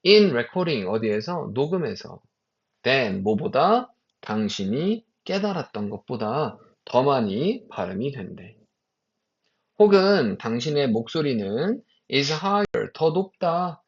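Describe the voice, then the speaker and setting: A lively male teacher gives an exam-prep lecture, his voice rising and falling a lot as he pushes questions at students. He drags out the English phrases slowly and firmly, then rushes through the explanations. The recording sounds dull and muffled. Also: mid-range voice. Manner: animated, rhetorical questions to students; reads English slowly and stressed, Korean quickly.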